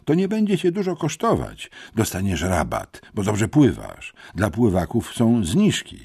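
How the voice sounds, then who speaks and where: A man reading an audiobook, voicing a hoarse, embarrassed teenage boy who calmly delivers gang threats. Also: fairly low pitch, unhurried, no room sound, studio quality, voice pushed up, full character voice. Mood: calmly menacing. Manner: calm, smoothly menacing. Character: hoarse, sly teenage schoolboy racketeer messenger.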